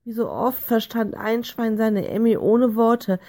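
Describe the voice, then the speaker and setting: A woman narrating a children's storybook in a calm, clear reading voice. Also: a little high, measured pace. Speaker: audiobook reader.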